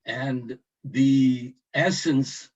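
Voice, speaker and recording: A man from the United States speaks slowly and deliberately, pausing often on fillers. His voice sits at an ordinary pitch. The video-call sound is dull and lo-fi. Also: steady tone, a little mellow. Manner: slow, measured, with many hesitations. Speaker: guest commenter. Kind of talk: online discussion remarks.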